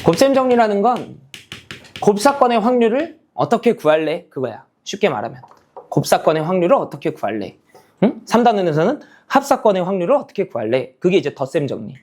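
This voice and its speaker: A man's voice: high voice, sing-song, brisk, darkish tone. A male math teacher giving a casual classroom lecture, checking in with students again and again with a rising "okay?" and "got it?". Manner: casual, talks down to students' level.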